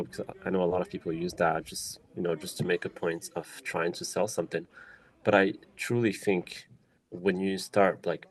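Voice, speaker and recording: A young man from Morocco, a woodworker, speaking thoughtfully in a documentary interview, with many pauses, fillers and restarts. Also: deep voice. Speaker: woodworker and small business founder.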